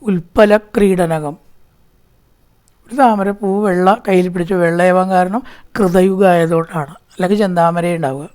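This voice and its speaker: A man's voice: high-pitched, fairly even intonation, a little mellow. Man chanting verses and explaining them. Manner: chants Sanskrit verses slowly, then explains in easy conversational speech. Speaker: scripture teacher. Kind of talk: verse-by-verse scripture discourse.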